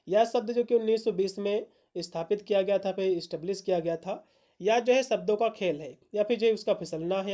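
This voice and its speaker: A woman teacher giving an exam-prep lecture, explaining in Hindi with fillers and reading English definitions slowly word by word. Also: mid-range voice, dark tone.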